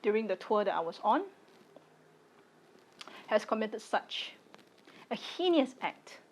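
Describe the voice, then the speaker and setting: A content creator from Singapore, a woman in her late twenties, addresses the camera with a personal statement. Her ordinary-pitched voice has a sing-song quality, yet her short phrases remain measured, firm and deliberate.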